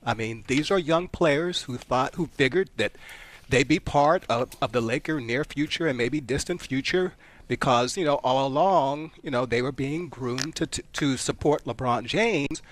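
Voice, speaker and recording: A man's voice: medium pitch, moderate pace. A man reporting on a sports story in a thoughtful, conversational way. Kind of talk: live remote report.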